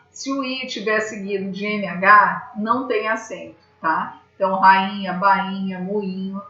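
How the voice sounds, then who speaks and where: A woman's voice: medium pitch, pushed and bright. A woman teacher from Brazil giving a grammar lesson, patiently explaining step by step and checking in with her students. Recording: echoey room, slightly dull sound.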